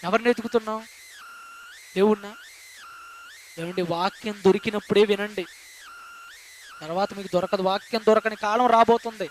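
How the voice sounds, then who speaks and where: A man's voice: high voice, fairly bright tone, a little hiss or hum. A male pastor preaching a sermon, speaking emphatically and asking the congregation rhetorical questions. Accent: Telugu.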